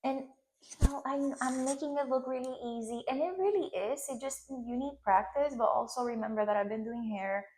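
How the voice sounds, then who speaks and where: A high-pitched, warm voice belongs to a Puerto Rican woman in her thirties who speaks Spanish with a local accent. At a moderate pace she walks viewers through a hairstyling tutorial, asking "okay?" again and again.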